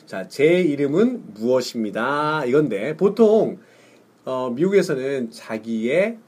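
Husky middle-aged guy teaching english, slow and bouncy, lots of repeat-after-me and praise. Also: medium pitch, sing-song. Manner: drills phrases slowly, praises warmly. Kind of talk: casual spoken English lesson.

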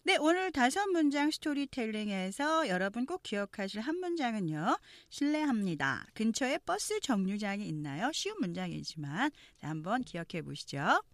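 A woman teaching English conversation, reading model sentences slowly and distinctly for learners to repeat. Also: a little high, sing-song, no room sound. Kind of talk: language lesson with slow repeat-after-me drills.

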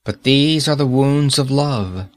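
Man doing a higher, soft, kind storybook child, calm and loving. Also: slow, close to an everyday voice. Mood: gentle.

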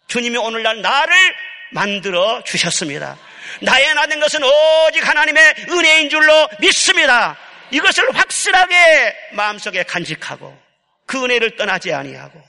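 A man preaching at a revival service, emphatic and full of rhetorical questions, dropping soft then rising loud. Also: high-pitched, gravelly. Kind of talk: sermon. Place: church sanctuary. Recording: long hall reverb.

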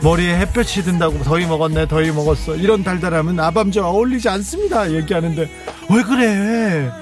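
A man hosting a late-night radio show, chatting and reading listener messages with warm, teasing asides. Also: sits high, brisk. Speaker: radio DJ host. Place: radio studio. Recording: music playing faintly behind.

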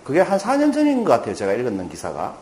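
A man giving a motivational lecture to a live audience, telling stories and asking the listeners questions in an animated way. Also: medium pitch, very fast, a little hiss or hum.

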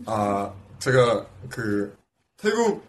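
A man's voice: fairly low pitch, very animated, very slow. A man speaking as a podcast guest in casual chat, politely explaining things.

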